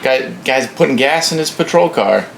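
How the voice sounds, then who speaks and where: A man's voice: mid-range voice, animated, normal speed, vocal fry, roomy sound, a little hiss or hum. A man co-hosting a comedy podcast, blunt and wry, often sounding exasperated in casual banter. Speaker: podcast co-host.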